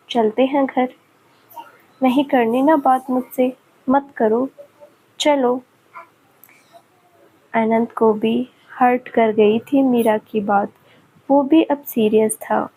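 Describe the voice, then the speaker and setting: A woman narrating a romance story slowly and deliberately. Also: a little high, mellow, a little hiss or hum, low-quality recording.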